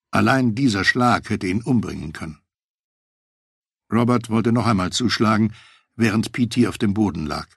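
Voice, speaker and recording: A man narrating a memoir audiobook in a steady, matter-of-fact first-person voice on a close mic. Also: on the low side, creaky, husky, no room sound.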